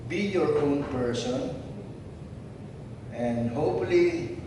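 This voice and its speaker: A man in his seventies with a Filipino accent, a former teacher giving slow, reflective, fatherly advice to his old students at a reunion. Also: fairly high pitch. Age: 70s. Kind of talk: heartfelt speech to former students. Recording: echoey hall from far off, noisy.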